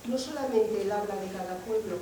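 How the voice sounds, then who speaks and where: A woman from Aragón, explaining language ideas in a didactic, expressive way during a seminar. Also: mid-range voice, brisk, far from the mic, a little hiss or hum. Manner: didactic, expressive, with frequent filler sounds. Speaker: seminar speaker. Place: seminar room. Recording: echoey hall, voice picked up from afar.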